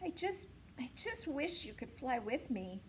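A woman voicing an eager young male gosling learning to fly, in a high squeaky voice. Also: huge pitch swings, measured pace, fairly bright tone, slight background noise, exaggerated voice. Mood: sleepy.

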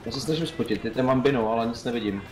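A young man streams a tank game and jokes through it, calling out moves to his squad in a quick, easy way. His voice sits in a roomy space with clear game music playing behind him. His pitch is in the middle range for a man. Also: a little mellow. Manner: quick, joking, calls out moves to teammates. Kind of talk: casual gaming chat.

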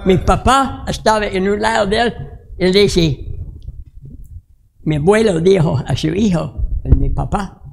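Older man, pastor preaching, high voice, heavy gravelly fry, halting broken phrasing. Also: a little hiss or hum. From United States. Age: 60s. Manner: halting, broken Spanish with restarts. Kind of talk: storytelling sermon.

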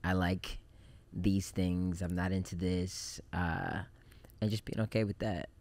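Low-voiced guy on a studio mic, laid back, lots of ums, thinks out loud. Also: a little slow. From Japan. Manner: relaxed, reflective, many fillers. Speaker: podcast guest, film director. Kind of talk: casual interview chat. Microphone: studio mic on boom arm.

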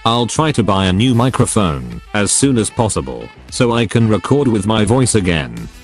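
A male text-to-speech robot voice reading a scripted explainer in a flat, even synthetic manner. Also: on the low side, normal speed, soft background music.

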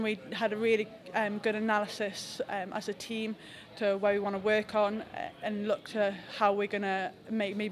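A young woman, a rugby team captain, giving a halting, reflective post-match press interview indoors into handheld mics held close. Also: mid-range voice, a little hiss or hum. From England. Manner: reflective, halting with frequent restarts. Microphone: several handheld press mics close to her face.

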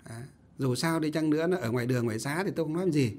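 A man, a Buddhist monk telling a story in a conversational, animated sermon. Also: on the high side, rapid-fire. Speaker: Buddhist monk giving a dharma talk.

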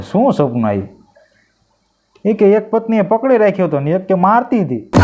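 A man telling a string of jokes, lively and mimicking the voices of the people in them. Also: on the high side. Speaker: stand-up comedian telling jokes. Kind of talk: joke-telling monologue. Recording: dull lo-fi sound.

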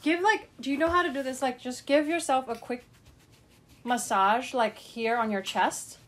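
A woman's voice: sits high, moderate pace. A woman vocal producer coaching a singer in the studio, bubbly and encouraging, laughing often. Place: recording studio.

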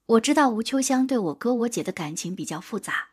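A woman narrating an audiobook in a steady, measured storytelling manner. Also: fairly high pitch, slightly rough.

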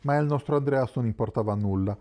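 A man narrating a literary novel as an audiobook in a calm, measured way. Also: mid-range voice. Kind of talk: scripted narration.

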